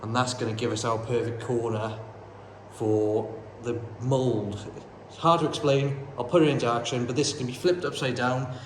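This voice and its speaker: A man explains DIY in an echoey room with a medium-pitched voice, fairly even intonation, and a moderate pace. He's a builder and carpenter narrating a casual vlog, practical and walking through the steps as he works in a bungalow room under renovation indoors. A phone he holds while working captures the bare room and faint noise.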